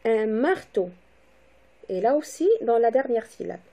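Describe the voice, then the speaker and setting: A woman teacher giving a slow, deliberate phonics lesson to young children, spelling out letters and syllables. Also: on the high side, animated, warm tone. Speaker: primary school teacher.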